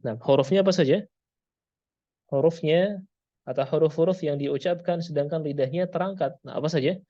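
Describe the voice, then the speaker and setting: A man's voice: a little high, normal speed, dark tone, dry recording, lo-fi sound. A man with an Indonesian accent teaching Quran pronunciation, patiently repeating sounds and quizzing his class.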